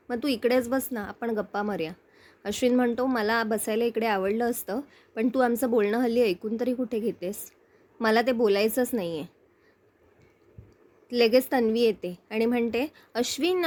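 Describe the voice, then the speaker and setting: A woman narrating a review of a TV serial episode. She moves steadily through the story and reads the characters' lines aloud as she goes. Her voice sits a little high. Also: darkish tone. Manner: narrates briskly, voicing each character's lines in turn. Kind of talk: retelling a TV episode with read-out dialogue.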